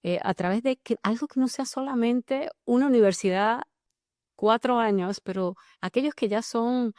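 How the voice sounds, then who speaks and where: A woman's voice: on the high side, normal speed, no echo, studio quality. A woman from the Dominican Republic with a Dominican accent, a guest talking animatedly and enthusiastically in a casual interview. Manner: animated and enthusiastic, with fillers and restarts.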